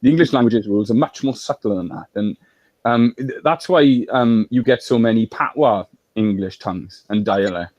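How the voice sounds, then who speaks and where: A man's voice: medium pitch, normal speed, a little mellow, dry recording, dull audio. A man from Wales in a political discussion, explaining at length in a lecturing way.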